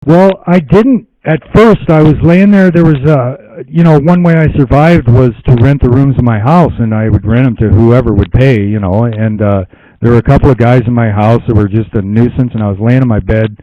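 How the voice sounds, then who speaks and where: A man's voice: mid-range voice, moderate pace, no room sound. A man rambles through a personal story as an interview guest, laughing often and wandering between asides. His voice sits in a middle range. The audio is dry and dull, like lo-fi internet radio. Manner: meandering, laughs often, lots of fillers.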